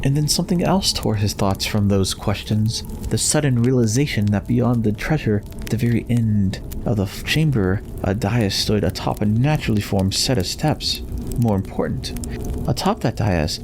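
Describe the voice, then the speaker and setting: A man's voice: on the low side, animated, moderate pace, background noise. A man giving a solemn, theatrical scripted narration of a fantasy story.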